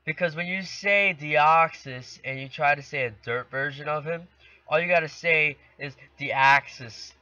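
Recorded dry, dull, and lo-fi at home, this teenage gaming channel host delivers let's play commentary from his bedroom while jokingly mocking the other players. He has a male voice that sits a little high, sounding pushed and bright, and he takes his time.

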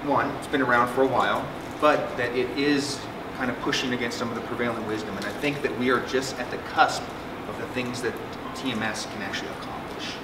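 With fairly even intonation and a medium pitch, a middle-aged psychiatrist moves briskly through his symposium talk with few pauses, joking conversationally and often restarting or filling gaps. He's recorded in an echoey conference room with a projector screen, from a distant mic, against air-conditioning hum.

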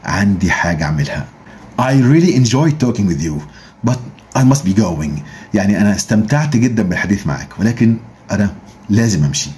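A man with an Egyptian Arabic accent giving a casual English lesson, saying the English phrases very slowly and then adding quick joking asides. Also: on the low side, expressive, a little mellow, slight background noise. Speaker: English teacher.

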